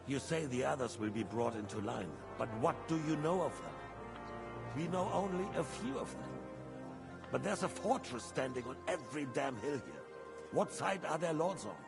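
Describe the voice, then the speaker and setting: Medieval king, game drama. Commanding, embittered, mid-pitched with vocal fry. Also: expressive, normal speed, music in the background. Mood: brooding, confiding. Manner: haughty, formal, commanding. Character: imperious, embittered medieval king, scornful and calculating.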